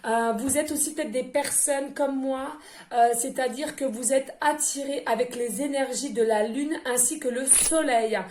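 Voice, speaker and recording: A woman's voice: high-pitched, normal speed, a little mellow. A woman medium doing an oracle card reading for her viewers in a casual, effusive way, full of fillers and repetitions. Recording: echoey room with faint noise.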